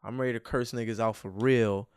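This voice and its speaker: A man hosting a podcast, telling a story as a profane, animated rant full of acted-out reactions. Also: mid-range voice, brisk, a little hiss or hum. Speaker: podcast host.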